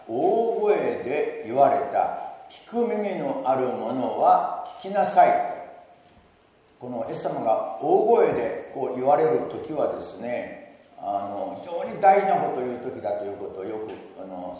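Warm-voiced man preaching in an echoey church. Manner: earnest, stresses key words with lifts in pitch and volume; leads the congregation in repeating a verse. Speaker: pastor. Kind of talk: sermon. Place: church sanctuary. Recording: echoey church hall, mic at a distance.

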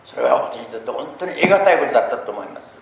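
A middle-aged man preaching a sermon, talking earnestly and swelling loudly on key points. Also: mid-range voice, expressive, fast. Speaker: pastor. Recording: echoey room with faint noise.

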